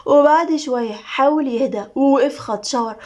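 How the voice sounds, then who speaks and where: A woman with an Egyptian Arabic accent reading a serialized story aloud in a fast, expressive way. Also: high voice.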